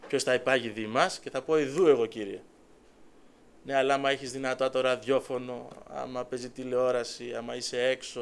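A man preaching a sermon, recounting his own story with earnest quoted dialogue. His voice is gravelly and sits at an ordinary pitch. A faint hiss of background noise runs under the recording. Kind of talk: sermon testimony.

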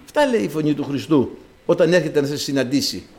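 A man's voice: fairly high pitch, animated, darkish tone. A man preaching a sermon, emphatic and repetitive, reading scripture passages aloud. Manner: emphatic, repeats phrases, reads scripture in archaic Greek.

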